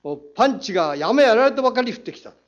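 Combative high-voiced council member, lo-fi. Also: male voice, big pitch swings, very fast. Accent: Saga. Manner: combative, reads quotes aloud, rhetorical challenges. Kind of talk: council floor questioning. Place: city council chamber. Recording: dull lo-fi council chamber audio.

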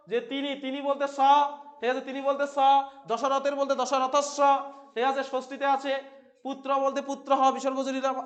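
A man's voice: very high-pitched, fairly bright tone. A man with a Bengali accent teaching a Sanskrit translation lesson, asking questions and answering them himself and repeating the key words. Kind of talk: classroom lesson explaining translation.

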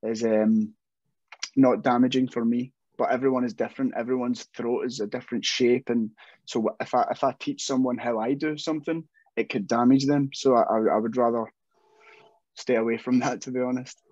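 With a medium-pitched, slightly mellow voice, fairly even intonation and a moderate pace, a young metal vocalist rambles through a casual video-call interview. Indoors at home, he keeps restarting and making self-deprecating remarks, and the dull, dry audio has no echo.

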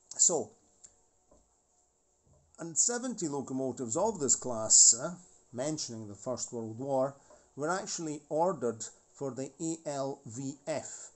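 Talking about a model locomotive on his model railway channel, a host in his forties speaks casually in a mid-range, slightly mellow voice, with many restarts and side comments.

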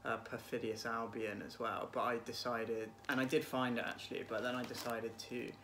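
This book vlog guest, a PhD student in his twenties, has a medium-pitched, level voice that sounds pushed and bright at a normal pace. He muses casually and hesitantly about books, phrases trailing away, in a small home room where the recording is clearly noisy.

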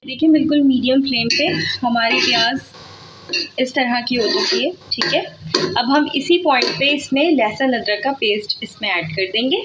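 A Pakistani cooking vlogger with an Urdu accent chats through a recipe step by step at her kitchen stove, filming on a handheld phone camera and repeating "theek hai" often. Her fairly high voice moves at normal speed, but the recording is muffled and very noisy.

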